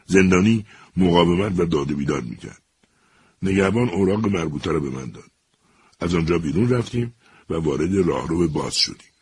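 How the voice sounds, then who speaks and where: A man narrating a story in a measured, even way. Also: deep voice, husky.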